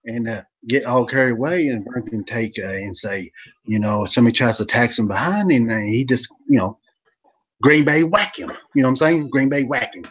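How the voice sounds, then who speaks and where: A man's voice: mid-range voice, quick pace, husky. Rambling, laughing man on a lo-fi call. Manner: rambling storyteller, laughs a lot. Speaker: former pro wrestler and manager, guest. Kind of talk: casual joking chat on a live stream. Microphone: video call.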